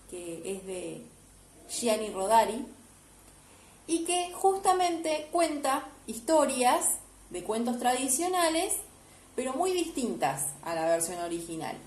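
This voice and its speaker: Patient woman teacher, echoey room. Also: high-pitched. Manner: patient, step-by-step, often checking with "¿sí?". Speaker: primary school teacher. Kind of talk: explaining homework to children. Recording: echoey room, faint background hiss.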